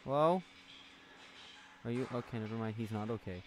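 A man giving casual gameplay commentary, swearing a lot, talking to the game's characters and yelling when startled. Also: medium pitch, moderate pace. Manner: jumpy, yells when startled. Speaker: let's play host.

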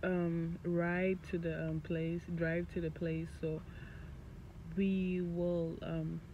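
Slow and lowish, with little pitch movement, this forties-aged woman vlogger rambles through a travel vlog with lots of fillers. She talks to a phone held at arm's length, giving muffled lo-fi sound and background noise.

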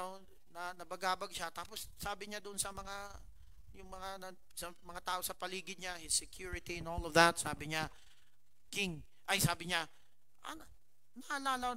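A man preaching a sermon, mixing Tagalog and English and retelling a Bible story with animated voices for its figures. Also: high-pitched, normal speed, clear, resonant tone. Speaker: pastor.

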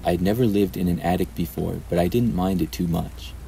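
Low, dark-voiced male horror narrator. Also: brisk, vocal fry, a little hiss or hum, rough recording. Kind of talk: scripted horror story narration.

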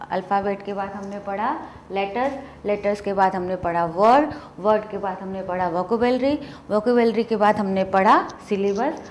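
A woman's voice: medium pitch, a little hiss or hum. A woman teaching English grammar in a classroom-style lesson, asking rhetorical questions and answering them herself.

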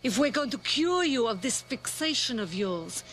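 A performer playing a smug, squeamish psychiatrist with slow, soothing hypnotist patter. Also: mid-range voice, big pitch swings, fairly bright tone. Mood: soothing clinical. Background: music underneath.

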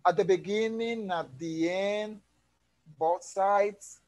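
High-voiced man teaching online. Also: drawn-out words. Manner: patient, explanatory, mixes English examples. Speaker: English teacher. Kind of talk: online class explanation. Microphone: video call.

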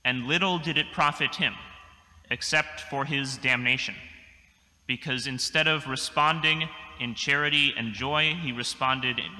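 A young adult man, a priest, gives a measured, thoughtful sermon from a church pulpit, with dry little asides. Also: mid-range voice, pushed and bright. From United States. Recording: long church reverb.

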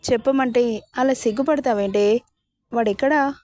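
A woman's voice: on the high side, moderate pace, a little mellow, no room sound, clean studio sound, lightly acted. A woman voicing a worried, loving middle-aged mother-in-law who fusses and questions in a told story. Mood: fussing. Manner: fussing, questioning. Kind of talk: storybook narration.

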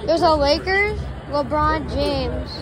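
A young boy chatting excitedly on a handheld phone camera as he browses a busy sports store in a mall. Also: very high voice, slow. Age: child. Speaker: vlogger. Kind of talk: casual shopping vlog. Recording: loud store music and crowd noise.

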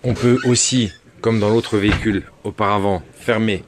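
Host guy at a camper van stand, chatty, talking to viewers, kinda low voice. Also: fairly even intonation, moderate pace, noisy background. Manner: chatty, reassuring, talks straight to viewers. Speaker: show host. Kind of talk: casual interview and walkthrough.

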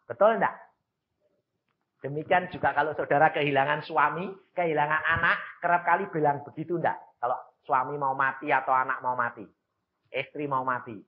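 Elderly Javanese-accented evangelist, high lively delivery, muffled lo-fi tape. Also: male voice, brisk. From Central Java, Indonesia. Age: around 80. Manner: emphatic, folksy, addresses the congregation directly. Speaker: evangelist preacher. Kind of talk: sermon.

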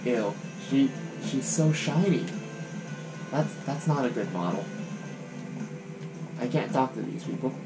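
A man's voice: medium pitch, expressive, a little slow, pauses often. A man casually commenting as he plays a game, with wry asides. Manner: chatty, wry asides while playing. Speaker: let's play host. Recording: guitar music playing behind.

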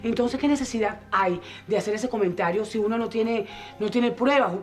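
A woman's voice: on the high side, normal speed, soft background music, natural voice. An actress with a Venezuelan accent playing a worried mother who pleads hesitantly and stalls with repeated words, in a telenovela. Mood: anxious, pleading. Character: worried mother urging caution about gossip. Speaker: mother of Clara. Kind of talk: telenovela acting.

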